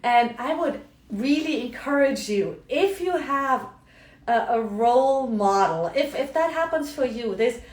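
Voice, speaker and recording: Recorded in a roomy space with a distant mic, a middle-aged German coach talks casually in a live video, her German accent clear and her speech full of tag questions like "yeah?" and "right?". She has a high, expressive voice and a measured pace.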